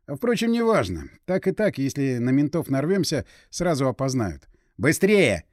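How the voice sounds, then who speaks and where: Expressive man narrating a thriller audiobook. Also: mid-range voice, no room sound, studio quality. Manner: brisk expressive reading with character voices. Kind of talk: first-person audiobook narration.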